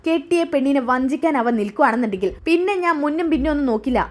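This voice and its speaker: A woman's voice: high voice, animated, very fast, darkish tone. A woman voicing a hot-tempered, protective older brother in a serial recap, threatening and blustering. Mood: angry, protective.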